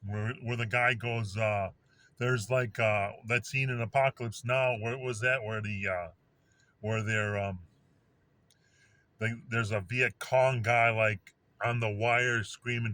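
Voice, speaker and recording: Rambling middle-pitched man chatting at home. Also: steady tone, slow pace, sharp tone, dry recording. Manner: rambling, many restarts and fillers, mimics explosion sounds. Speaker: vlogger. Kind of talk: casual rambling monologue.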